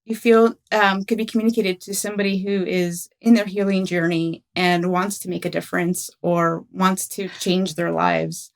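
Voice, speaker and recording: A woman's voice: lowish voice, level tone, normal speed, creaky, few pauses. A woman in her fifties, a podcast host, who talks openly and laughs often while interviewing. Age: 50s. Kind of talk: casual interview talk.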